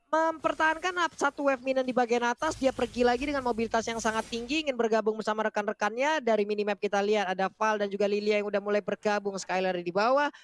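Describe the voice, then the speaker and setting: A man's voice: sits high, steady tone, fast, few pauses, a bit bright. A man with an Indonesian accent giving live commentary on an esports match.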